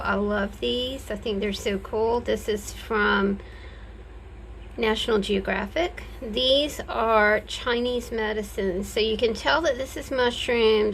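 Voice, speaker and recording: A woman chatting casually in a craft vlog, talking carefully and haltingly with a stitched mouth after oral surgery. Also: medium pitch, vocal fry, rough recording. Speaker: crafter presenting handmade journals. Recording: steady background noise, home recording.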